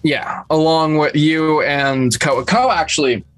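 A woman acting as game master, narrating a tabletop role-playing game in a casual, halting way. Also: deep voice.

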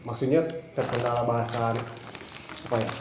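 A man conducting a casual interview, asking slow questions and giving short prompts. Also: medium pitch, little pitch movement, roomy sound, a little hiss or hum.

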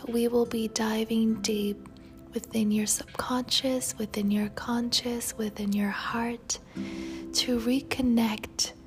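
A woman guiding a meditation in a soft, breathy spa whisper, soothing and tender toward the listener. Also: fairly high pitch. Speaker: meditation guide. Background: music.

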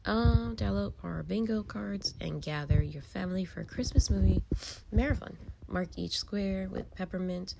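A woman's voice: mid-range voice, normal speed, creaky, very noisy. A woman hosting a casual podcast, reading articles aloud in a meandering, often half-whispered way and stopping to react. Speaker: podcast host.

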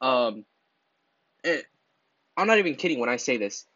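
A man's voice: mid-range voice, big pitch swings, moderate pace, pushed and bright, dry recording. Teen boy, casual vlog, crude, repeats himself, laughs while talking, dry muffled mic. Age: teens. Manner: crude, laughs mid-sentence, stumbles and repeats words. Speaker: vlogger. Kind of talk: casual rambling monologue.

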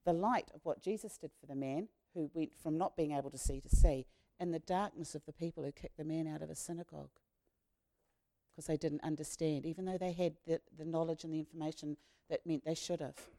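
A woman, leading an all-age sermon as a minister and retelling a story in a lively, slangy, conversational way. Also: sits low, fairly quick. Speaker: minister leading a children's talk.

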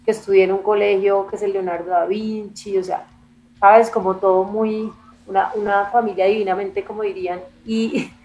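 A Bogotá native with a Colombian capital accent and a mellow, medium-pitched voice, this woman is a music and culture magazine editor being interviewed. She speaks casually, reflectively and emphatically, repeating phrases for stress, and the recording is rough.

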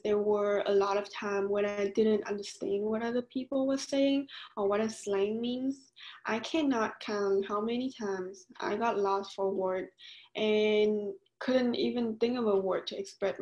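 A Vietnamese woman in her twenties, a graduate student, answers interview questions earnestly in Vietnamese-accented English. Her voice is medium-pitched and darkish, and the audio is reverberant and of poor quality.

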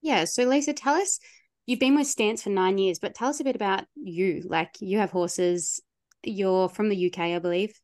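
A woman's voice: mid-range voice, normal speed, darkish tone, no echo, studio quality. A woman co-hosting a casual podcast, rambling a little with lots of "like" and "um". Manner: rambling, many fillers like "like" and "um". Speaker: podcast co-host.

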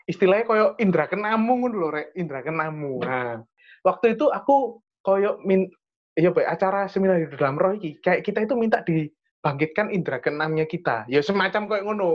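A man's voice: high-pitched, lively intonation, brisk, highs cut off. A young man with an East Javanese accent tells a personal story in casual chat, earnest and rambling. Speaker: storyteller sharing a testimony.

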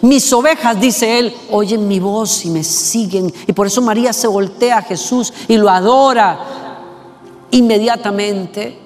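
A man preaching a sermon with passion, asking rhetorical questions and slowing down to stress words. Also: high voice. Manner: impassioned, rhetorical questions, slows for emphasis. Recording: long reverb with faint music.

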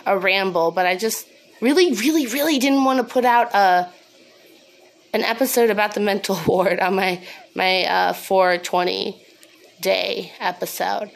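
A woman's voice: mid-range voice, unhurried, creaky. A woman podcast host rambling casually and confessionally on her own, candid, sweary and self-deprecating, a little sniffly, recorded on a phone. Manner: snorting laugh.

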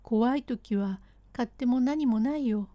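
Scared, stubborn Edo townswoman, curt replies, fairly high voice, read by a woman. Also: takes it slowly, mellow, no room sound. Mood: fearful refusal. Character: frightened Edo-era townswoman, stubborn and fearful.

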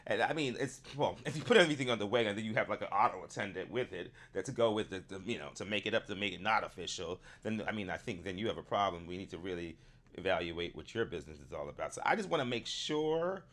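A man's voice: fairly low pitch, lively intonation, fast talker, fairly bright tone. A man giving casual commentary, thinking aloud in a rambling way as he goes. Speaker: vlogger checking a program.

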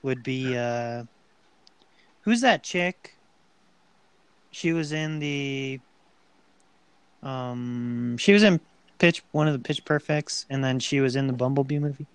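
A young man co-hosting a casual podcast chat, animated and rambling with a jokey manner. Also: mid-range voice, slow pace, long pauses, clear, resonant tone, dry recording. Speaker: podcast co-host.

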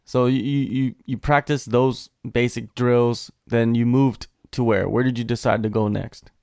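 Male interview host, easygoing questions, mid-pitched, dry close sound. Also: measured pace, clear, resonant tone, no room sound. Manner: relaxed, conversational questioning. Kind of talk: casual interview.

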